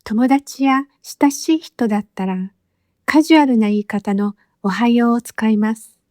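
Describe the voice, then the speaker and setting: A woman narrates a scripted lesson as a teacher, speaking slowly and patiently with clear, careful phrasing. Her voice sits a little high. The recording is dry and close. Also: a little mellow, dry recording. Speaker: Japanese teacher.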